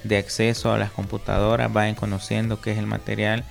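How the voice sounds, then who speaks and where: A man's voice: on the low side, monotone, brisk, vocal fry, faint music behind. A man, a foundation representative answering radio interview questions with many hesitant fillers. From El Salvador.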